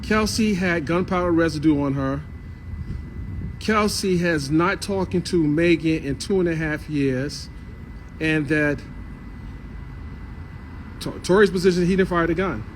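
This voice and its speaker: Higher-voiced man reporting haltingly. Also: a little hiss or hum. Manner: hesitant, self-correcting. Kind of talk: casual spoken report.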